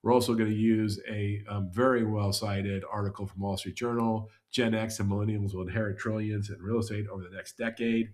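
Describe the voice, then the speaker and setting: A man's voice: fairly low pitch, level tone, fairly quick, few pauses, a little mellow. A man co-hosting a podcast, explaining data and charts in a rambling, casual way. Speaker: podcast co-host.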